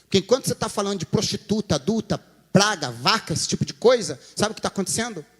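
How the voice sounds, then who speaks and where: A man's voice: high-pitched, animated, quick pace, fairly bright tone, breathy edge, in a large hall. A man, a pastor, preaching a sermon, telling a counseling story and acting out its dialogue before rising to emphatic appeals.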